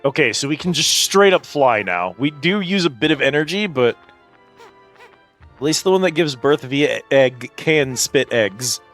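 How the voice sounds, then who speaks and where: Over background music, a man hosts a live game stream, chatting casually and greeting viewers with playful exclamations. His medium-pitched voice is animated, unhurried, and fairly bright.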